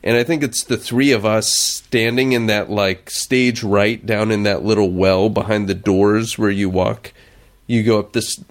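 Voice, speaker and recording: A man with a fairly low voice talks over old memories in a relaxed podcast chat. He rambles eagerly and restarts his sentences often as he goes. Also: a little slow. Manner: enthusiastic reminiscing, rambling with many restarts. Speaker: podcast co-host. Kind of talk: casual chat.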